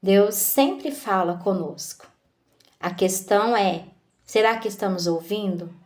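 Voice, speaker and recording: Woman, devotional speaker, unhurried, measured phrasing, rhetorical questions. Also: medium pitch, darkish tone. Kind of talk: slow devotional teaching.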